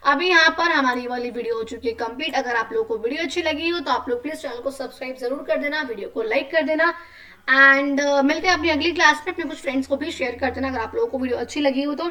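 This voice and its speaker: A woman's voice: sits high, fast, sharp tone, recorded from a distance. A woman with an Indian accent teaching children a lesson, patient and often checking in with questions.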